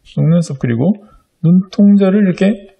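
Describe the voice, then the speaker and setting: A middle-aged man leads young children through a drawing lesson, patient and step by step, pausing on fillers as he works. His voice is gravelly and a little husky, mellow in tone. His pitch rises and falls freely as he explains. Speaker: art teacher.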